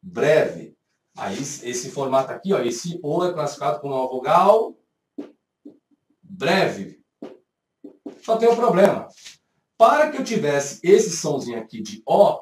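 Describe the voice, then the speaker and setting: A man with a Brazilian Portuguese accent teaching a grammar lesson step by step, voicing his students' questions himself. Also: fairly high pitch. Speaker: Hebrew teacher. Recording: echoey room, voice from a distant mic.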